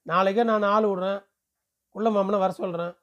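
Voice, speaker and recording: A man's voice: high-pitched, steady tone, normal speed, fairly bright tone, highs cut off. A man reading aloud, voicing a grown village man who leads a drama troupe and questions, coaxes and teases. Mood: coaxing. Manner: questioning, coaxing, teasing.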